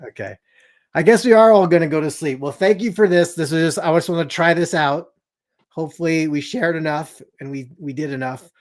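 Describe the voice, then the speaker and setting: A man hosting a casual family podcast at home, playful and quick with asides. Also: on the high side. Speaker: podcast host.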